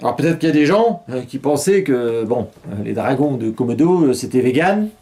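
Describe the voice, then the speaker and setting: A man's voice: medium pitch, animated, fairly quick, dark tone. A middle-aged man hosting a casual satirical news show, rambling and irreverent, with many hesitations and chuckles. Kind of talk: casual mock newscast.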